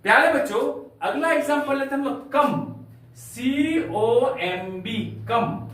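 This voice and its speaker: A man's voice: extremely high pitch, lively intonation, slow pace, fairly bright tone. A man teaching a spoken English lesson to students, spelling words out letter by letter and calling them dear children, recorded from a distance in a very echoey room. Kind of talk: classroom-style spoken English lesson in Hindi.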